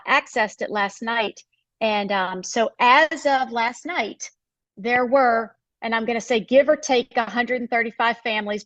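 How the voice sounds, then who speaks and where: A woman's voice: a little high, fairly bright tone, dry recording. A female biology professor, giving a recorded slide lecture in a conversational, explanatory way with frequent fillers. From United States.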